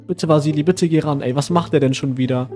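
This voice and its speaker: A man's voice: fairly high pitch, fast talker, darkish tone, soft background music. A man hosting a gaming channel, playing himself in a role-play with a whiny, complaining way of talking. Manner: whiny and complaining, keeps saying "Mann" and "Bro". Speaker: gaming channel host playing his own character. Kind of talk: casual game role-play.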